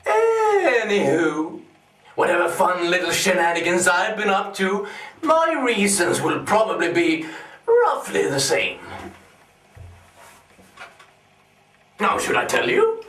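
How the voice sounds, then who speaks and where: An actor playing a deranged, gleeful, sadistic clown supervillain in a theatrical monologue, mocking and erratic, recorded with a roomy echo. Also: male voice, high voice, wildly swooping pitch, a little slow, distant mic, faint music behind, heavily acted. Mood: taunting, gleeful. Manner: theatrical, mocking, erratic swings between whispering and shouting.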